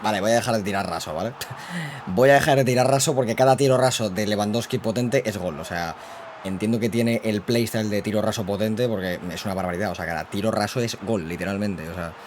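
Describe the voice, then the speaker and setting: Excitable gamer, low voice. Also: male voice, quick pace, a little hiss or hum. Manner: excitable, slangy, yells at goals. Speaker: gaming YouTuber. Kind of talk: live gameplay commentary.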